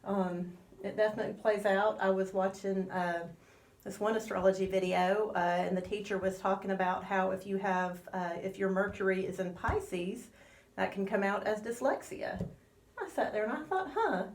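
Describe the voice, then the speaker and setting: A woman's voice: medium pitch, steady tone, moderate pace. Woman, slight lisp, rambling radio guest, roomy studio sound. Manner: rambling, with many fillers. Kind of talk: casual radio chat.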